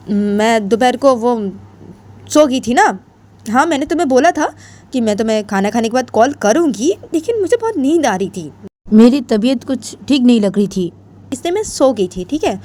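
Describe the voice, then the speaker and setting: A woman doing Ritu, a calm hushing young girlfriend. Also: fairly high pitch, moderate pace, pitched above the performer's own voice, lightly acted. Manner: soothing, hushing, explaining at length.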